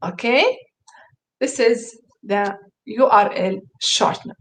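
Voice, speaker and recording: This slow, medium-pitched woman's voice comes with a slight hiss or hum in the background. A native Arabic speaker, she eagerly leads teachers through a screen-share tutorial, hesitating often and filling her speech with fillers and restarts.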